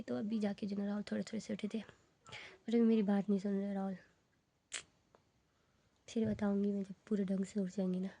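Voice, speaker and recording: A woman's voice: mellow, husky. A young woman in a casual home vlog, chatting to viewers in a rambling, friendly way. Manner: high sing-song baby talk to her child. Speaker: vlogger.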